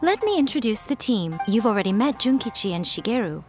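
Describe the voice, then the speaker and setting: A woman playing a sly, elegant, poised fox-spirit publishing boss in a video game, with a teasing, deliberate manner. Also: a little high, big pitch swings, faint music behind. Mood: poised, assured.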